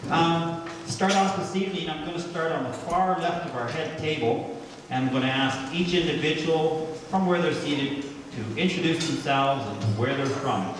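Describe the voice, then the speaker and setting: A man acting as master of ceremonies at a family reunion dinner, announcing briskly and asking guests to introduce themselves. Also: on the high side, background noise. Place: large indoor hall at a dinner. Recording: echoey banquet hall, far camcorder mic, crowd chatter.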